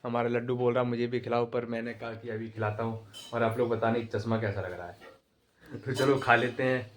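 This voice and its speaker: A man's voice: medium pitch, fairly even intonation, normal speed. Male vlogger, young, chatty narration to camera, sore back, light background hiss. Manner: chatty, addressing viewers directly. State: back pain. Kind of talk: casual vlog narration.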